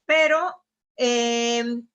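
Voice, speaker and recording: A woman's voice: a little high, fairly even intonation, very slow, fairly bright tone, clear, resonant tone, lo-fi sound. A woman teaching a grammar lesson over slides. She explains patiently and keeps checking with her students. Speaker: Spanish teacher.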